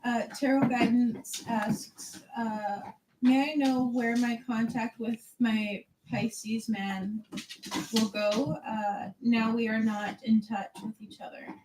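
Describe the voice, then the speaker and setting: A woman's voice: fairly high pitch, flat delivery, takes it slowly, noisy background. A woman reading out viewers' questions from a live chat, hesitant with fillers.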